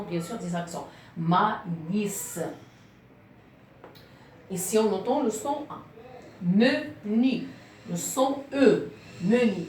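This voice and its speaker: A woman teaching French pronunciation to beginners, slowly repeating words and breaking them into syllables. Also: fairly low pitch, mellow, a little hiss or hum. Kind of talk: phonetics lesson for beginners. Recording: very echoey room, distant mic.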